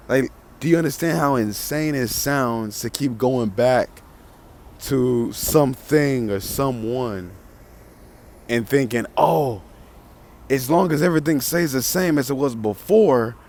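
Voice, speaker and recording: A man's voice: mid-range voice, a little mellow. A man with a Southern US country accent, speaking as a podcast host in a casual motivational monologue, emphatic and repeating phrases for stress.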